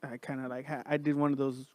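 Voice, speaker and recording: A podcast host chats casually and informally as if among his bros, saying "man" and "bro" often. His voice is mid-range and warm, and the recording is dry.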